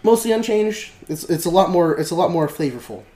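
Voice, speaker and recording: A man's voice: a little high, fast, a little mellow. Rambling man in an echoey room. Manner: rambling, full of fillers and restarts. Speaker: podcast host. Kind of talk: casual chat about a tabletop game. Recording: echoey room with faint noise.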